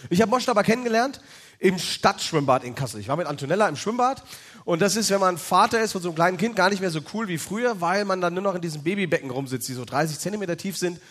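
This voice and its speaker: High-voiced man telling a personal story. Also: animated, fast talker, fairly bright tone. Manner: loose, chatty storytelling with many fillers. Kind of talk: personal faith testimony, told as a story.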